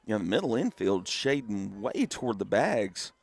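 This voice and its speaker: Gravelly male baseball color commentator. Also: lowish voice, big pitch swings, moderate pace. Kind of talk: conversational live sports commentary.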